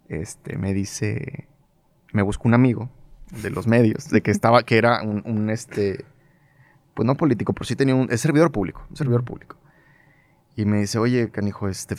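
A middle-aged broadcast journalist with a northern Mexican accent casually tells stories in an interview, acting out the dialogue he quotes. He is an animated storyteller with frequent fillers, speaking at a medium pitch. The recording is dry.

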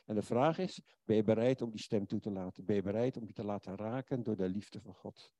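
A man delivers an earnest, pleading sermon. His voice is dark and mellow, and it sounds dry and close. He slows down and turns quiet whenever he quotes God. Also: on the low side, no room sound. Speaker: preacher.

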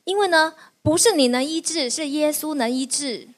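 A woman pastor, preaching a lively sermon, often laughing and firing quick questions at her listeners, then answering them herself. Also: high voice. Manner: laughs often while teaching.

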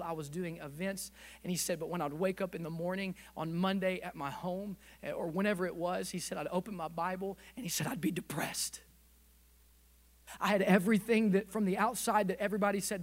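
Pastor, male, higher-pitched voice, preaching storytelling sermon with fervent prayer, church sanctuary.

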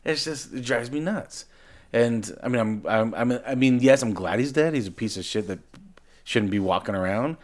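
A man's voice: mid-range voice, normal speed. A man co-hosting a podcast in casual chat, talking animatedly and often repeating words as he restarts. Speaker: podcast co-host.

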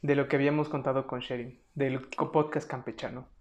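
A young woman with a Mexican accent and a distinctly low voice co-hosts a podcast. She chats off the cuff, using lots of slang and some swearing. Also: little pitch movement, brisk, darkish tone. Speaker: podcast co-host. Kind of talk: casual unscripted chat.

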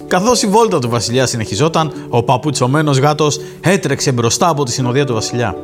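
A man's voice: medium pitch, music in the background. A man co-hosting a comic podcast, reading a fairy tale and making dry jokes about it. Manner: dry joking commentary, animated. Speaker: co-host and reader.

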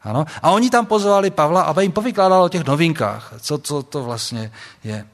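A man with a slightly high voice gives a sermon to a young audience at a camp. He talks in a conversational way and often asks his listeners questions. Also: expressive. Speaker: preacher. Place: camp talk before an audience.

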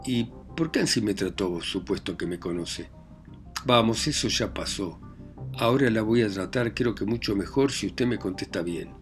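Man doing a bossy old-time magistrate, interrogating, yells a lot, deepish voice, soft music in back. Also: lively intonation, normal speed, lightly acted. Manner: interrogating, commanding, shouting. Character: stern, bullying middle-aged male village magistrate.

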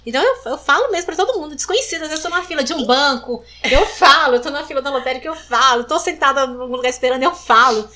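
Fast, high-voiced woman telling her story. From Maranhão, Brazil. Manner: animated storyteller, acts out quoted voices. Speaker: interview guest. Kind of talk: personal story in conversation.

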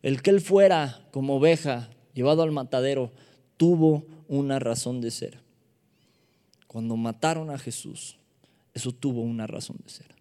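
A man preaches a sermon in a fairly high voice. He keeps it playful, firing off rhetorical questions. The sound carries a long reverb, as in a large hall. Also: mellow.

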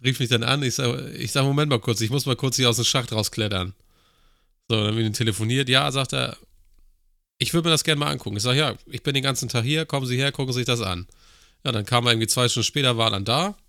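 A man's voice: mid-range voice, quick pace, gravelly, pushed and bright, no room sound, studio quality. A man telling a long work story in casual podcast chat, with crude slang and acted-out dialogue. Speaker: podcast co-host.

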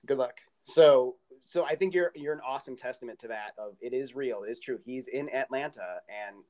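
Guy hosting a podcast, mid pitch, excited, rambles and restarts a lot. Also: moderate pace. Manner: enthusiastic, rambling, restarts words. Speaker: podcast host. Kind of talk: casual interview talk.

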